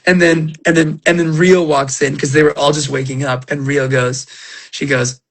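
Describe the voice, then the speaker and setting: Middle-aged man, casual streamer, rambling and emotional, many fillers, slightly high pitch, recovering from illness. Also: flat delivery, normal speed. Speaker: livestream host opening trading cards. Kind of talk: casual chat to viewers.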